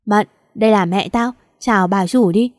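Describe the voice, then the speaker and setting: A woman voicing a bossy, gruff young rich master who gives curt, scolding orders. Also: medium pitch, normal speed, darkish tone, no room sound, clean studio sound, close to an everyday voice.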